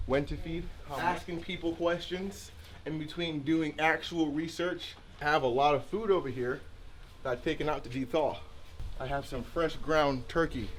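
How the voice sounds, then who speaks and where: A man's voice: mid-range voice, slight background noise. A man with a congested, sniffly voice, chatting casually in a vlog while feeding his dogs at home. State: congested from allergies. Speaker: animal vlogger.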